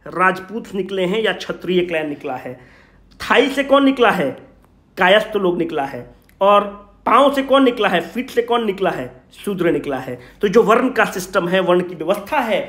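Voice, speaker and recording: A man with a high, slightly bright voice leads an informal exam revision class in an echoey room. He teases and addresses students familiarly, poses questions and answers them himself, and mixes English phrases into his speech.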